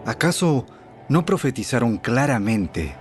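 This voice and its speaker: An actor playing a probing, gently reproving male teacher in a dramatized Bible, with deliberate, expressive delivery. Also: medium pitch. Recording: faint music under the voice.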